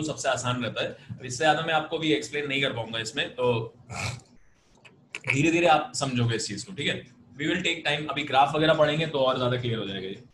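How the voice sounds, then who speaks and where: A man with an Indian accent and a mid-range, slightly bright voice teaches a math class over a video call, explaining things patiently. He switches between Hindi and English and calls his students "beta." The sound is roomy, with a little background noise.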